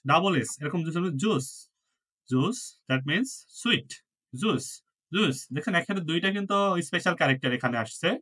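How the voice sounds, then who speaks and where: A man teaches a language lesson, with Bengali as his first language. His voice sits a little high and sounds bright and clear. He repeats each word slowly and patiently, mixing English into his explanations. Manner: patient, repeats words slowly, drills pronunciation; mixes English words into his talk. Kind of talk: classroom lesson.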